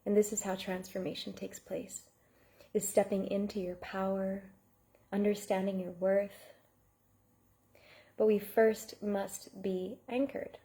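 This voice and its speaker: A woman's voice: mid-range voice, level tone, slow pace, pauses often, mellow. A woman coach giving a heartfelt live online masterclass, reading out and thanking viewers in the chat. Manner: earnest, heartfelt, speaks to chat viewers by name.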